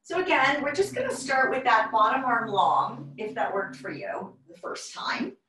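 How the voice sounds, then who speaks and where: A woman Pilates instructor leading a home workout class over a video call, counting down reps with slow, drawn-out cues. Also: fairly high pitch, big pitch swings, pushed and bright, far from the mic. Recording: echoey room, voice off-mic.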